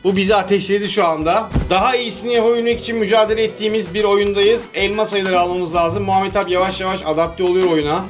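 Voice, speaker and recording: A man hosting a gaming channel, giving casual gameplay commentary, coaching eagerly with quick cheering commands and laughing often. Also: high voice, fairly even intonation. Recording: game music playing loudly behind.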